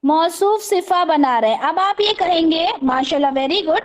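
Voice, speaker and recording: A woman teaching an Arabic grammar class over a video call, patiently quizzing her students and slowly repeating terms. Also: very high-pitched, lively intonation. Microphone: video call microphone.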